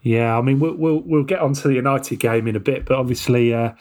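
A man's voice: mid-range voice, fairly even intonation, fairly quick, darkish tone. Guy hosting a footy podcast, normal mid voice, chatty and informal. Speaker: podcast host. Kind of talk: casual football chat.

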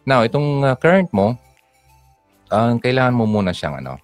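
A man's voice: medium pitch, very animated, normal speed, no room sound, faint music behind. A man giving fatherly relationship advice in casual talk, mixing English words into his speech and reading out listeners' messages. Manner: fatherly, mixes English into Tagalog. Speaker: advice host.

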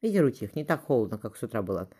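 An audiobook reader voicing Masha, a shy young wife who speaks softly. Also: medium pitch, sing-song, rapid-fire, husky. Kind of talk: audiobook character reading.

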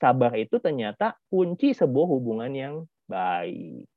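A man teaches a children's church lesson over a video call, lively as he acts out angry kids' lines and quizzes the class with questions. His voice is mid-pitched and his pace measured. The audio is dry, dull, lo-fi video call sound.

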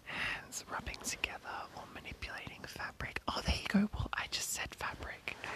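An ASMR host speaking entirely in a breathy whisper, reading an article aloud and adding informal, rambling asides. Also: moderate pace. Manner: informal, rambling, self-commenting.

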